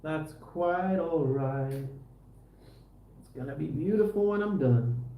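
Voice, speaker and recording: Here the man's voice is fairly high in pitch yet dark in tone, and he speaks slowly. He's an easygoing livestreamer fixing a guitar, chatting casually to viewers and to himself as he works through it tutorial-fashion, with a roomy echo and faint background noise.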